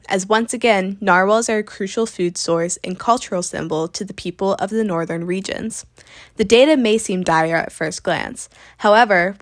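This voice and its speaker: Woman narrating a nature documentary. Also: on the low side.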